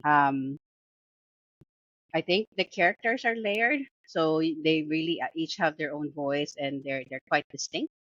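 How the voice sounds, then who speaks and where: Laughing often, a book review show co-host with a Filipino accent talks casually, full of fillers and restarts. She has a deep, fairly bright voice. The dull lo-fi sound is completely dry, with no room sound.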